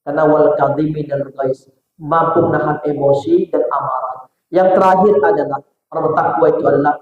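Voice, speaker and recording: A man's voice: a little high, fairly even intonation, a little fast, narrow, tinny audio. A male preacher with a Medan Indonesian accent giving a dawn Ramadan sermon, with rhythmic repetition and rising emphatic delivery. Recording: echoey hall, voice from far off.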